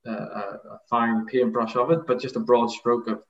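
A man's voice: mid-range voice, little pitch movement, moderate pace. A middle-aged man with an Irish accent, explaining things casually as an interview guest. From Ireland. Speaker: podcast guest, rugby coaching researcher. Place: converted garage office. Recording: dull, roomy remote recording.

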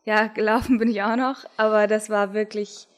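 A young German-speaking woman in casual conversation, telling a race story in a relaxed way with frequent fillers. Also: mid-range voice, moderate pace. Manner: relaxed, thinking aloud with fillers. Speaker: podcast co-host, triathlete.

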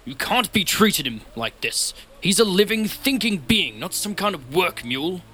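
A man's voice: medium pitch, normal speed. A man voicing a kindly, protective mustached man who defends a captive and comforts him like a father. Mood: indignant. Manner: indignant when defending, gentle and fatherly when comforting.

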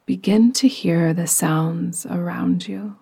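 Speaking on the low side, a woman guides a yoga nidra relaxation with a gentle, soothing, unhurried manner. Her voice is soft and breathy, at times slipping into a whisper.

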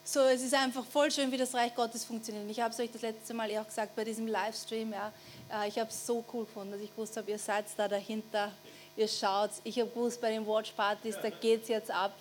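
A woman with an Austrian German accent preaching a conversational sermon. She often asks the audience for assent and slows down to stress key phrases. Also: a little high, flat delivery. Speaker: pastor. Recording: faint mains hum.

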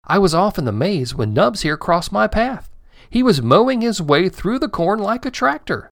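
A man's voice: sits high, very animated, normal speed, vocal fry, dry recording, studio quality, voice pushed up, full character voice. Man doing a chirpy little boy. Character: friendly curious young boy.

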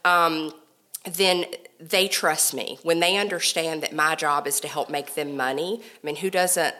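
A woman's voice: low-pitched, fairly even intonation, measured pace, sharp tone. A woman in her forties with a Southern drawl, a home stager explaining her work patiently and persuasively in an interview. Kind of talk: conversational interview.

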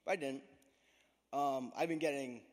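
A man's voice: mid-range voice, steady tone, normal speed. A teenage American young man with a lisp from an overbite appliance, giving a self-deprecating, prepared testimony to a congregation. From Florida, United States. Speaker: student giving a testimony at church youth service. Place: large church hall, speaking from a stage. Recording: long hall reverb.

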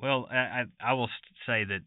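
A man hosting a farm podcast interview, halting and repeating words, laughing easily. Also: medium pitch, steady tone, no room sound. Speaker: podcast host. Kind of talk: conversational interview. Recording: narrow phone-like sound, dry.

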